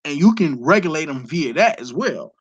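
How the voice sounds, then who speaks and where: A fairly high-voiced man from Detroit lectures emphatically on a live stream, answering viewer questions with the odd curse in loose, unscripted talk. His pitch swings widely at a normal speed, and his voice is slightly rough. The sound is lo-fi, close and dry with no echo.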